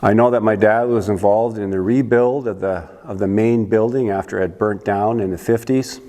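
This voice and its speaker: An older man with a Canadian accent talks to camera in a low voice, rambling and unhurried, with many restarts. The sound trails off in a long reverb, as if recorded in an open hall. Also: fairly even intonation, dark tone. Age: 60s. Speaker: church show host. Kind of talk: casual monologue to camera.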